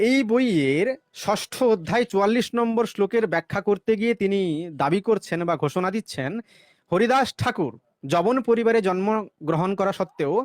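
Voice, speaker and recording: A man's voice: sits high, no room sound, clean studio sound. A man explaining arithmetic in a sarcastic monologue, now and then chanting a mantra between the sums. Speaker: religious commentator.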